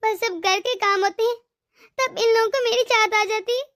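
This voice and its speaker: A woman's voice: extremely high pitch, steady tone, moderate pace, no room sound, studio quality. A woman voicing a humble village woman who feels unwanted by her relatives. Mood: sad. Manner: soft, self-effacing.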